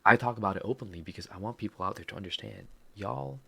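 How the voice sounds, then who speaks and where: Speaking fast in a lowish, gravelly voice that is a bit bright and slightly rough, a man with a Filipino accent hosts a podcast. His personal, reflective monologue covers a setback, delivered candidly and earnestly with a touch of self-mockery.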